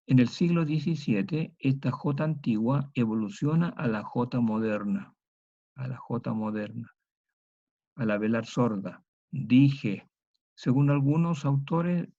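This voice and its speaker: A middle-aged man lectures in a dark, mellow voice, moving through each point methodically and saying the key words twice. The recording is slightly dull and lo-fi. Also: mid-range voice. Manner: methodical, repeats each example slowly. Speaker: teacher. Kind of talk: university lecture.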